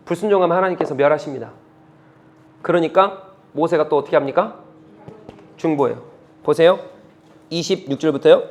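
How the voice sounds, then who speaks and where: A middle-aged male pastor preaching a sermon, reading scripture slowly and asking the congregation one rhetorical question after another. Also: on the high side. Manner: reads scripture slowly, then explains.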